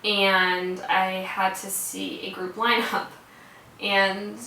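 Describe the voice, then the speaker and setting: A woman's voice: medium pitch, pushed and bright, a little hiss or hum. A young American woman telling a personal story in a casual way, swearing freely and saying "like" a lot. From United States. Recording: roomy sound from a distant mic.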